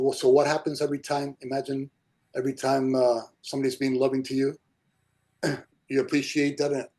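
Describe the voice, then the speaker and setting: A man leads an online spiritual class in a gentle, encouraging way. He comes back to his points again and again. His voice is warm and mellow, carried over a video call. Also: mid-range voice, low-quality recording. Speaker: spiritual teacher.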